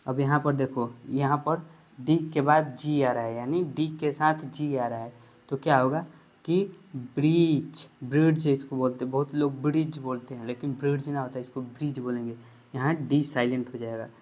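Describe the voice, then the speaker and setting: A man's voice: mid-range voice, steady tone, normal speed, a little mellow. Man teaching pronunciation, Hindi accent. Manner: explains step by step, repeats words and checks understanding. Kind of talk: spoken English lesson. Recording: dull lo-fi recording.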